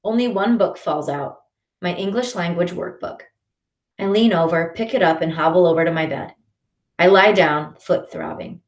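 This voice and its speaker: A woman narrating a first-person children's novel in an expressive reading voice. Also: on the low side, normal speed. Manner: expressive, shifting into character voices. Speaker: audiobook narrator. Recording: roomy echo.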